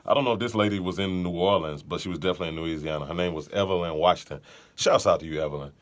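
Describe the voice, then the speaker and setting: A man's voice: sits low, rapid-fire. A man co-hosting a podcast, chatting casually and telling funny stories in a laid-back, joking way. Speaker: podcast co-host. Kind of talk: casual chat.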